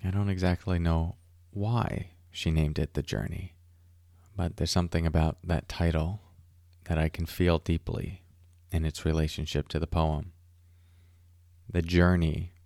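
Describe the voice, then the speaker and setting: A man with a deep voice speaks intimately, as if right in the listener's ear. His delivery is calm and unhurried, with very little rise and fall, like a meditation teacher guiding a reflection. The close, dry sound leaves no room around the words. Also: gravelly, no room sound. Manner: measured, unhurried, with deliberate pauses. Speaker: podcast host and mindfulness teacher. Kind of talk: calm guided reflection and poem reading. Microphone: close mic in a dry space.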